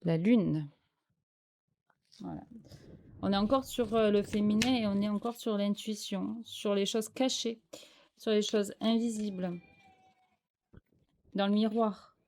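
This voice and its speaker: A woman's voice: mid-range voice, a little slow, long pauses, darkish tone. A French-speaking woman giving a spiritual tarot reading, hesitant and searching for words with many fillers. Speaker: tarot card reader.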